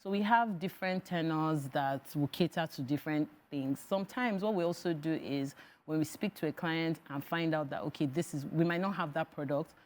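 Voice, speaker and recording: A woman's voice: sits low, brisk. A woman with a Nigerian accent explaining things step by step as an expert guest in a studio interview. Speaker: financial firm executive, interview guest.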